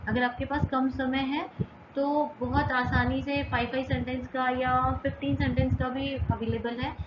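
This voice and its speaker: A woman English teacher speaks very deliberately, repeating each short phrase and answering her own questions. Her voice sits a bit high. The recording is dull and roomy, with a steady hum of noise behind her. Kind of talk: slow, repetitive spoken-English lesson.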